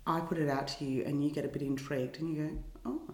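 A woman's voice: deep voice, fairly even intonation, fast, a little mellow, reverberant. A woman co-hosting a podcast in casual chat, teasing her co-host with playful banter.

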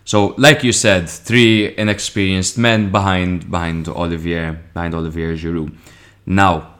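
Deep-voiced man chiming in on football. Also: level tone, fairly bright tone. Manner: blunt, chimes in with quick agreement and jokes. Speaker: football podcast co-host. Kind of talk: casual football chat.

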